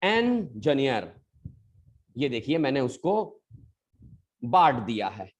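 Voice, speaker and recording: A male English teacher with a fairly high voice leads a pronunciation lesson, patiently calling his students children and slowly repeating each word as a model.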